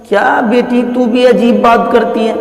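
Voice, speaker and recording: High-voiced man lecturing in an echoey hall. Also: fairly even intonation, a little slow, vocal fry. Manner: lecturing, sarcastic, addresses listener as daughter. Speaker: Islamic cleric. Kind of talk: scolding rebuttal speech.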